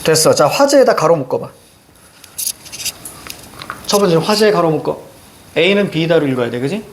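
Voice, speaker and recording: Animated, high-pitched male teacher quizzing. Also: unhurried, background noise. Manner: emphatic, quizzing students with constant check-ins. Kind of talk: Korean reading lesson.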